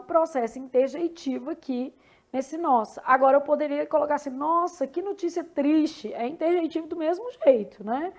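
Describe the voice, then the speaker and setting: A woman with a Brazilian accent teaching Portuguese grammar in an online exam-prep lesson. She explains in a conversational way and often checks in with tag questions. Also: high voice.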